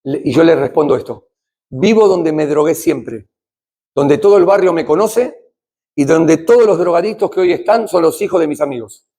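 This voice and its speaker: An addiction recovery speaker, a middle-aged Argentine man with a Rioplatense Spanish accent, addresses a church about addiction. His voice is high for a man, husky and breathy, animated and at a moderate pace. He treats the room like a conversation, posing questions and shifting from loud to hushed.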